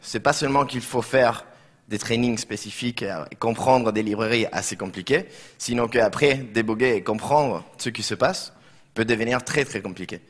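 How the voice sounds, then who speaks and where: A software developer from Barcelona, Spain, gives a technical talk in a conference room, speaking slightly broken French with a Spanish accent. His voice is medium-pitched and moderately paced, hesitant, with frequent reformulations.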